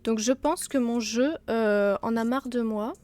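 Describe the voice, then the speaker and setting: A woman with a cold comments on her game in a fairly high, chatty voice. She jokes at her own expense, filling her sentences with hesitations. Faint music plays underneath. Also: measured pace, darkish tone. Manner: chatty, self-mocking, many fillers. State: sick, blocked nose and sore throat. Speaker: let's play host.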